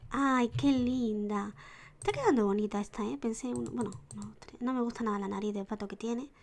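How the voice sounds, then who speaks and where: A woman's voice: fairly high pitch, steady tone, fairly quick, vocal fry. A woman with a Spanish accent who now and then slips into an Argentine one, chatting casually over a life-sim game, counting aloud and dropping into whispers. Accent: Spanish (Spain), sliding into a put-on Argentine. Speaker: gaming YouTuber. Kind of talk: casual Sims gameplay commentary.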